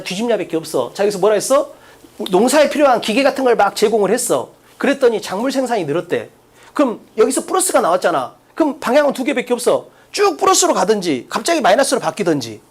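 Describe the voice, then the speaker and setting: A fast-talking male teacher lecturing his class from the blackboard. His pitch swings widely as he throws out question after question. He talks bluntly and drops crude slang into the lesson. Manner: brisk, blunt, peppered with rhetorical questions. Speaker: English teacher. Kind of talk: exam-prep lecture.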